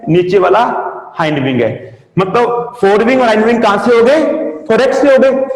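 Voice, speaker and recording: High-voiced male teacher in an echoey classroom. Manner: explains step by step, asks and answers his own questions. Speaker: agriculture entomology teacher. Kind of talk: classroom lecture. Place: coaching classroom. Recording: echoey classroom with long reverb.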